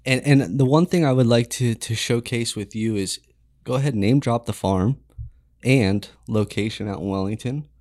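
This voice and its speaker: A man's voice: medium pitch, normal speed, darkish tone. A man hosting a studio podcast, asking friendly questions to prompt his guest. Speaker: podcast host. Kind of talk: casual interview chat.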